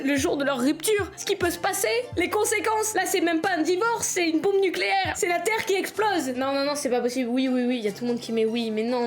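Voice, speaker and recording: A young woman giving jokey, excitable let's-play commentary, often yelling in mock panic. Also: sits high. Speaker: gaming content creator.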